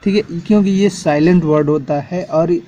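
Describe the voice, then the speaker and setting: A man's voice: fairly high pitch, normal speed, mellow, a little hiss or hum. A man teaching an English spelling lesson at a board, spelling words out letter by letter and checking in with the class often.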